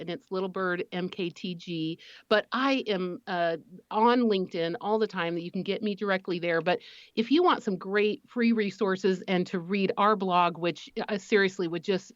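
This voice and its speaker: A woman's voice: lowish voice, no echo, highs cut off. A woman appearing as a podcast guest, chatting casually and laughing often as she answers questions. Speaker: guest, marketing agency CEO. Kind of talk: casual interview chat.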